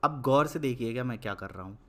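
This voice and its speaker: A young man teaching Hindi in an online lesson. He is patient, explains slowly, repeats words, and turns blunt when he lectures. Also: medium pitch, a bit bright.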